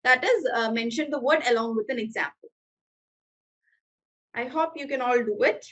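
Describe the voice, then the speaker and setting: A woman with a Malayali accent leads an online English lesson. Her voice sits a little high, and she talks at an unhurried pace, pausing often. She keeps encouraging her students over the video call. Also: a bit bright, poor audio. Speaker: English teacher.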